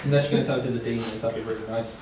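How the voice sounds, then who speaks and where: A man's voice: medium pitch, steady tone, rapid-fire, noisy background. A man playing a tabletop game with friends, bantering, joking and laughing easily as he argues his case. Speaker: player. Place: large echoing room with a group of players. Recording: echoey room from far off.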